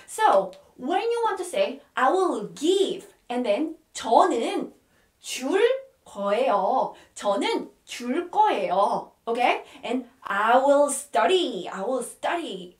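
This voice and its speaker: A woman with a Korean accent teaching a language lesson, patiently repeating words slowly and often checking in with "Okay?". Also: high-pitched, big pitch swings, roomy sound, recorded from a distance.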